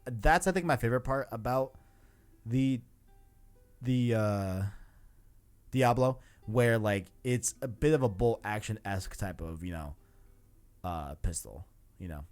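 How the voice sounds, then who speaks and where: A podcast host with a lowish, slightly mellow voice leads a casual video game discussion, speaking at a measured pace and pausing often. He's enthusiastic and slangy, repeating himself for emphasis, with music playing behind him.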